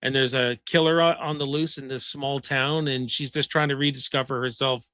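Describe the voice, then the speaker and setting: A man's voice: mid-range voice, steady tone, normal speed, sharp tone, dry recording, studio quality. A man hosting a casual livestream chat, reading viewers' comments aloud with lots of fillers. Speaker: livestream host.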